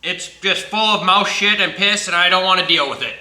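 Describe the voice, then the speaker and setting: Brisk and sharp-toned, a man with a high voice narrates fixing up an old truck for his garage vlog. He's easygoing and plainspoken, dropping casual swear words along the way. The recording picks up the garage's echo and some faint noise.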